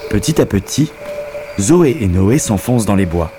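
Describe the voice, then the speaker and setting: A man reading a children's story aloud in a calm, measured way. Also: fairly low pitch, over music. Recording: noisy recording.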